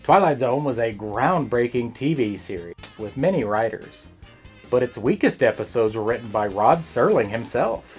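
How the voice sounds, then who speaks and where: A man co-hosting a horror host show with deadpan, scripted comic commentary. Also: medium pitch, moderate pace, soft background music.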